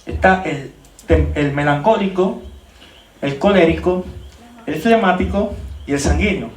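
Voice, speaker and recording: High-voiced animated male preacher, echoey. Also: measured pace, recorded from a distance. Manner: animated, with rhetorical questions and repeated words. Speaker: preacher teaching a leadership training. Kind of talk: church teaching talk.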